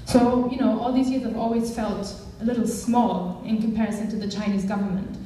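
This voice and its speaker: Speaking from well back in a big reverberant hall, a young campaigns director from Germany gives an earnest, chatty speech to a live crowd, full of fillers. Her tone is warm, mellow and slightly high-pitched, steady and brisk, with a bit of background noise.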